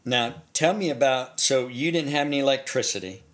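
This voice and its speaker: A man's voice: medium pitch, brisk. A man interviewing someone in a casual, conversational way, asking simple questions.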